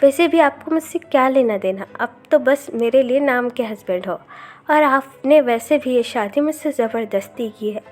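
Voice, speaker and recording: A woman's voice: fairly high pitch, moderate pace, dark tone, soft background music, close to an everyday voice. A woman voicing a sulky, jealous young man who answers angrily in a storybook read-aloud. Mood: hurt, angry. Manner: angry, huffy.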